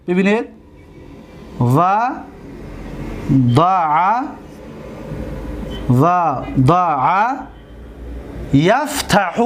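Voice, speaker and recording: A man whose first language is Tajik, teaching Arabic verb forms, who repeats each word slowly and asks and answers his own questions. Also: high voice. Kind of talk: classroom grammar lesson.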